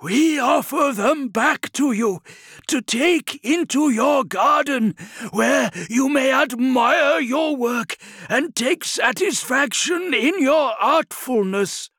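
A fanatical plague-cult sorcerer from a grim audiobook, his warbling voice pitched far above a normal speaking voice. He drags out every word of his prayers in slow, booming, half-shouted ecstasy. His tone is strained and strange, as if a different throat had taken over. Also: animated, dry recording, studio quality, full character voice. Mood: ecstatic.

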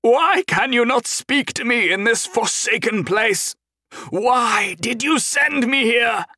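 Casting: man doing a manic priest of purity, high, loud, drawn-out screaming. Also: expressive, no echo, studio quality, full character voice. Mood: anguished. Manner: screaming wildly, frenzied.

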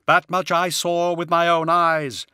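A skull-faced warrior monk with a hollow, high-pitched voice, as a male narrator puts him on. He speaks slowly and gravely, every word weighed. The tone is forceful and tense, and the recording is dry and close. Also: level tone, no room sound. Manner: slow, grave and measured.

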